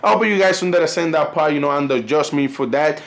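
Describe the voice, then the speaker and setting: This YouTube host is a young Colombian man whose first language is Spanish, and his higher voice carries a fairly bright tone and a Colombian Spanish accent. He speaks at a fairly quick clip in a rambling, filler-heavy vlog style, constantly dropping "you know" and "fellas."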